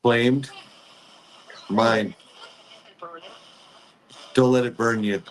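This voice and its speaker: A man speaking as a spirit medium, relaying messages in short, halting fragments during a ghost box session. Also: mid-range voice, fairly even intonation, a little hiss or hum, poor audio.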